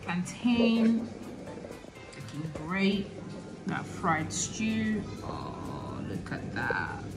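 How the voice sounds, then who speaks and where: A young woman with a lowish, gravelly voice draws out her words, her pitch swooping wildly, as she chats casually and expressively while cooking at home. A cooking vlogger, she films the cook-along on a phone in her hand, with music playing underneath.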